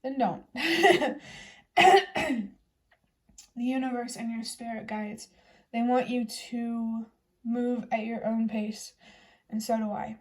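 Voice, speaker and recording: A young woman giving a casual, reassuring tarot reading to her viewers in a gentle, chatty way. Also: on the high side, level tone, a little slow, few pauses. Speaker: tarot reader.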